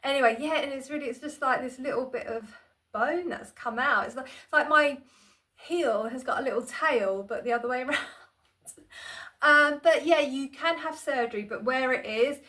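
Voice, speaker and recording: A woman's voice: high voice, moderate pace, sharp tone. Chatty woman vlogging at home. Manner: rambling, chatty, self-deprecating with frequent "um" and restarts. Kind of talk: casual chatty vlog. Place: small home room, indoors. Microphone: phone camera on tripod.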